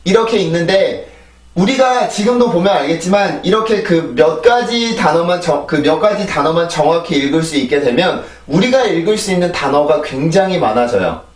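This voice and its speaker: A man with a Korean accent gives an English pronunciation lesson, patiently explaining and drilling words in repeated sets. His fairly high voice is expressive at a moderate pace. A clip-on mic on a phone camera records him from a distance, and the sound is roomy.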